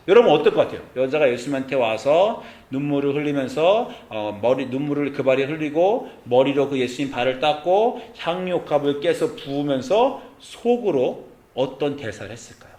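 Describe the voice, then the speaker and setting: A man preaching as pastor, animated, at times acting out soft, pleading prayers. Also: fairly high pitch, normal speed, hardly any pauses. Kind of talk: sermon. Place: church sanctuary. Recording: echoey church sanctuary.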